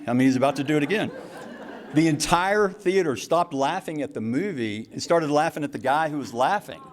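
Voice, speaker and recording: A middle-aged man giving a tribute speech for his parents' anniversary at a party, telling family stories with laughs and asides. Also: a little high. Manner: warm storytelling with laughs and asides. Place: party hall with a crowd.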